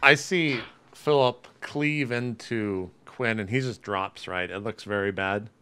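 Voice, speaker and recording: A man playing in a tabletop game, talking deliberately with some hesitation. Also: on the low side, pushed and bright, clean tone. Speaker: player.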